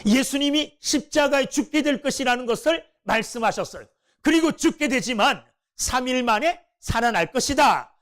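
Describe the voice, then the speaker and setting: A male pastor preaching a sermon, telling the story with lively acted-out lines and questions to the congregation. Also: very high voice. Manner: animated storytelling, acting out quoted lines.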